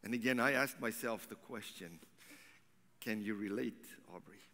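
A male pastor preaching a sermon, swinging between loud declarations and hushed near-whispers. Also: fairly low pitch, moderate pace. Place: church sanctuary. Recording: long church reverb.

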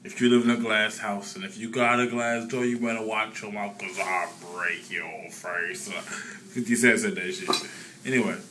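A man's voice: on the low side, fairly even intonation, moderate pace, fairly bright tone, slight background noise. A very drunk young man on a casual rant, rambling, repeating himself and swearing, recorded on a phone held close in a restroom. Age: young adult. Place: small tiled public restroom. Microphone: phone held close at arm's length.

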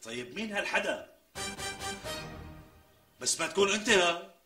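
An actor playing a skeptical friend in a TV comedy sketch, reacting with exclamations and disbelief. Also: male voice, high-pitched, animated, normal speed, bright, forceful tone, faint music behind. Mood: incredulous. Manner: exclamatory, incredulous. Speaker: comic sketch character.

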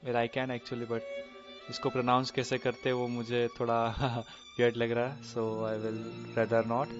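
A young man, excitably commenting live on a horror game as he plays and mixing Hindi with English. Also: mid-range voice, measured pace. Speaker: gaming streamer. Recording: dull lo-fi stream audio with game music.

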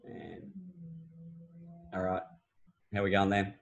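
A man's voice: sits low, completely flat delivery, slow, gravelly. A man, a basketball coach explaining game clips in an online clinic, talking conversationally with fillers and restarts from a small office on a laptop mic. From Australia. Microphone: laptop webcam on a video call.

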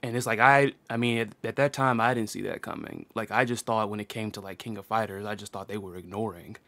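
A man's voice: lowish voice, fairly even intonation, fast, sharp tone. A man hosting a casual chat about fighting games, rambling with lots of fillers and laughing often. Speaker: podcast host.

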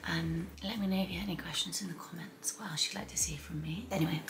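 A woman's voice: fairly low pitch, fairly even intonation, fast. A woman talking through her hair routine in a chatty vlog, often dropping into a whisper. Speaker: beauty vlogger. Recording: clear background noise.

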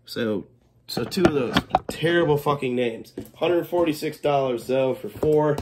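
A young man with a slightly high, congested voice and a cough speaks a little slowly as he casually shows off his fireworks haul in a small home kitchen for an unboxing vlog. He is laid-back, swears freely, and scolds his cat. There is heavy background noise.

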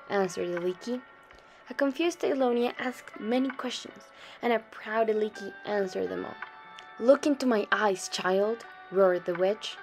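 A young woman reads a short story aloud in a mellow, warm tone, keeping a steady storytelling pace. Soft music plays faintly underneath her reading. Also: mid-range voice. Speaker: student reader.

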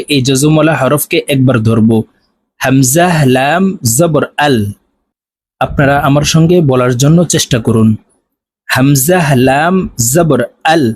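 A man's voice: fairly high pitch, darkish tone, breathy edge, no echo. A man teaching Quran reading from Bangladesh, spelling out letters and vowel marks one by one and stretching words for learners to repeat. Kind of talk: slow spelling-out Quran lesson.

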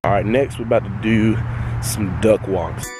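Young man, informal motivational fitness vlogger, filmed outdoors with loud music behind him. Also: on the low side, fairly even intonation, normal speed. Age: 20s. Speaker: fitness vlogger and football player. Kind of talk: casual workout vlog talk. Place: outdoor sports field.

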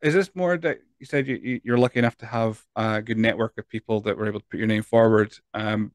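A Scottish man in his thirties speaks fast in a fairly low voice with fairly even intonation, hosting a casual interview podcast. His questions are long and rambling, with restarts, captured dry on a large close-up studio mic in his home studio while he wears headphones.

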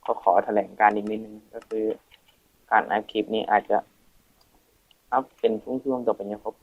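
A teenage boy narrates his game in a low, gravelly voice, chatting and thinking out loud as he builds. He counts and mutters to himself between instructions. The sound is dull and lo-fi, like a cheap home microphone. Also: fairly even intonation, normal speed, no echo. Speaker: Minecraft let's play host. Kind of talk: casual gameplay tutorial commentary.

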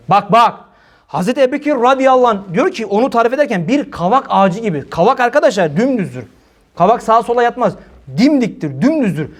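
A man with a high voice preaches to a live congregation in a hall. He jokes and tells stories, mimics the people he talks about, and laughs at his own jokes. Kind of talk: humorous religious talk to a congregation.

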